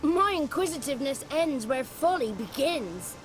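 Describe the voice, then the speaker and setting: A man's voice: very high-pitched, very animated, moderate pace. An actor voicing a small, nervous and cheeky male goblin creature, telling his story in a folksy, rustic way. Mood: indignant. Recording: game audio with loud music.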